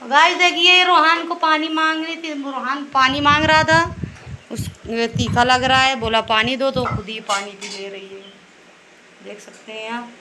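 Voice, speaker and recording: Indoors at home, a vlogging mom records on her phone, talking chattily to her audience as "guys" in between tending to her children. She speaks a little slowly in a high, steady voice, with background noise audible.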